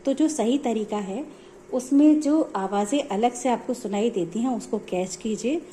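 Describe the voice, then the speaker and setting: A woman's voice: fairly high pitch, unhurried, warm tone, a little hiss or hum. A woman music teacher explaining notes step by step in a patient, repetitive way. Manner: patient, explanatory, repeats points.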